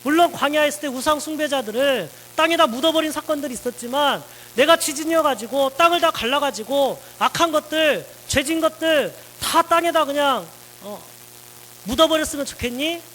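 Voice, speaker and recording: A man voicing God as he gently questions a weary prophet with repeated, emphatic questions. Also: very high voice, lively intonation, fairly quick, big-room sound, slight background noise, voice pushed up, full character voice, rough recording. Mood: gently probing.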